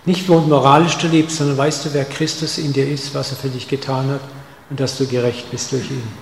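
A man preaching a sermon, speaking straight to his listeners with rhetorical questions, dropping soft and then pushing lines out with stress. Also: mid-range voice, level tone, fairly quick, creaky, slight background noise. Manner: emphatic, direct address with rhetorical questions; swings between soft intimate lines and loud stressed ones. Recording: echoey hall with long reverb.

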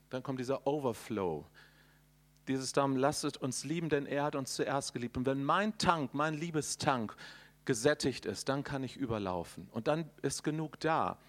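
A middle-aged man preaching a charismatic sermon, folksy and animated, talking straight to his listeners and making sound effects. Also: mid-range voice. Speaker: preacher and conference speaker.

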